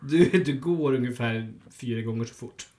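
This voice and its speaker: A podcast co-host chatting casually and joking in a playful, deadpan way. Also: mid-range voice. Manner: playful, absurd deadpan jokes. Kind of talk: casual chat. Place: lives in Värmland.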